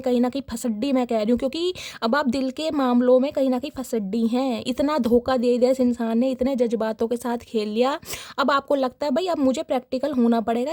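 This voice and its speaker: A woman's voice: sits high, a little mellow, no echo, clean studio sound. A young woman giving a casual tarot reading to her viewers, dramatic and chatty, often laughing and calling out to her audience. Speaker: tarot reader.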